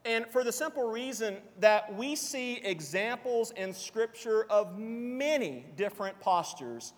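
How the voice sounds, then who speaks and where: A man preaching a sermon to a congregation, explaining scripture in a measured teaching manner and slowing down for quotations. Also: sits high, expressive. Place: church assembly hall. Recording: long reverb of a church hall.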